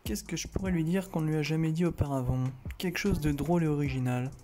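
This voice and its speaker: A man voicing an Englishman who slowly thinks up a joke he finds clever, in slow, drawn-out musing. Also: fairly high pitch, dark tone, lightly acted. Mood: smug pondering. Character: slow, ponderous Englishman pleased with a stale joke. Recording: echoey room, faint music.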